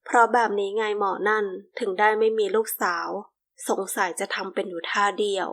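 A woman reading the part of a doting young husband and father in a storybook, soft and affectionate, with an unhurried delivery. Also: mid-range voice, steady tone, lightly acted. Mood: teasing.

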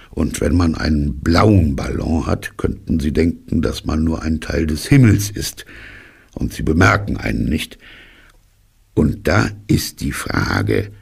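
A man voicing a naive, thoughtful, honey-loving male bear in an audiobook, musing slowly and earnestly. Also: very deep voice, darkish tone, exaggerated voice. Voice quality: gravelly, husky. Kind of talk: audiobook character reading.

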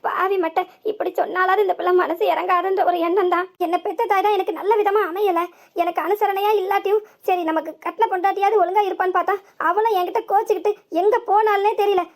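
A woman's voice: extremely high pitch, steady tone. A woman voicing an angry, stubborn village man with a southern Tamil Nadu accent, scolding in long reproaches. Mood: bitter. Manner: heated scolding, drawn-out reproach. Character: hot-tempered grown village man, hurt and stubborn.

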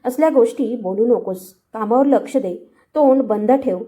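A woman's voice: fairly high pitch, normal speed, close to an everyday voice. A woman voicing a meek, worn-out aunt. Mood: stern. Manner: meek, quiet pleading. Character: humble, worn-out aunt who works as a servant.

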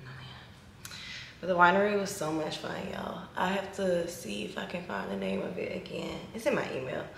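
A woman in her twenties from Texas, chatting casually to camera in a slangy, lively vlog. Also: lowish voice, moderate pace, vocal fry, a little hiss or hum. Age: 20s. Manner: chatty, animated, uses slang. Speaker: vlogger. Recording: echoey room, recorded from a distance.

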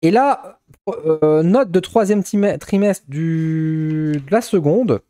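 A man's voice: on the high side, takes it slowly, warm tone, no room sound. A shy young man with a Ch'ti accent, from northern France, chatting casually in a vlog with many hesitant restarts. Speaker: vlogger.

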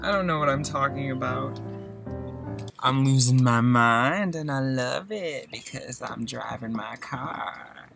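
A man's voice: medium pitch, slow, gravelly, a bit bright, faint music behind. A man in his twenties rambling in a goofy, mock-dramatic comic monologue from his parked car, recorded on a laptop. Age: 20s. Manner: goofy, mock-dramatic, jumps between silly voices. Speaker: vlogger. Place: parked car in a parking lot. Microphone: laptop mic.

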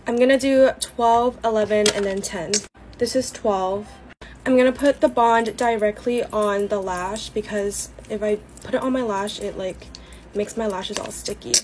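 A woman's voice: medium pitch, fairly even intonation, moderate pace, darkish tone, a little hiss or hum, rough recording. A teenage girl chatting casually through a get-ready-with-me makeup vlog, full of fillers like "like" and "um". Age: late teens. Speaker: beauty vlogger.

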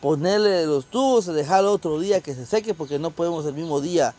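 A man's voice: a little high, animated, brisk, warm tone, a little hiss or hum. A man with a Guatemalan accent casually explaining things as the host of a charity vlog. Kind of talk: casual explaining to camera and group. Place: outdoors in a rural wooded yard. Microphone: handheld phone.

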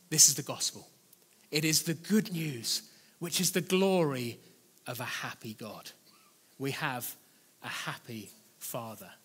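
A man's voice: on the high side, fairly bright tone. Man preaching in a reverberant church. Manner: earnest, conversational, rephrasing and repeating key phrases. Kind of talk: sermon.

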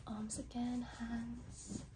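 A woman's voice: fairly high pitch, completely flat delivery, extremely slow, noisy background. A young woman doing an ASMR role-play as a massage therapist, murmuring short, reassuring phrases to a client. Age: young adult. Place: small bedroom, indoors.

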